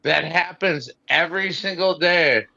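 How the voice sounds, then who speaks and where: A man's voice: on the high side, unhurried, creaky, highs cut off, a loud crowd. A man in his forties, host of a casual group chat, who talks emphatically, repeats himself and swears freely. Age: 40s. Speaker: livestream host.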